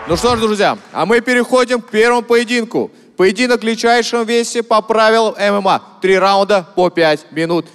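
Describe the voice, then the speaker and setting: High-pitched male fight host hyping the event. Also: fairly bright tone, big-room sound. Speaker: ring announcer and event host. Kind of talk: brash fight-promoter hype announcing. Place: large indoor fight arena, in the cage. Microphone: handheld microphone.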